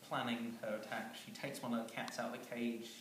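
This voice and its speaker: A man rambles through a comic story, chuckling at his own jokes. His voice is set well back from the mic in a very echoey room, with noise clearly audible behind him. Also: medium pitch, flat delivery, brisk, recorded from a distance. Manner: rambling, chuckling, with many fillers and restarts.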